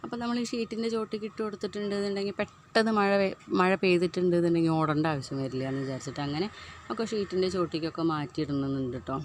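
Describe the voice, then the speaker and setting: Woman, homemaker from Kerala, quick chatty voice-over, medium pitch, slight background hiss. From Kerala, India. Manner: chatty, keeps adding the tag "you know?" to her sentences. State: recovering from a tooth extraction. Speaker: housewife vlogger. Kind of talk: casual voice-over narrating daily chores.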